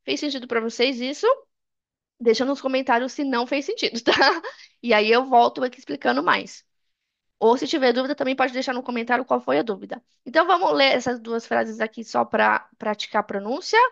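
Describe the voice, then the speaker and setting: A woman from Brazil teaching a basic English lesson in Portuguese, saying English examples slowly and checking in with the class often. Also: on the high side, creaky, lo-fi sound. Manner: slow drilled English examples, frequent "tá?" checks.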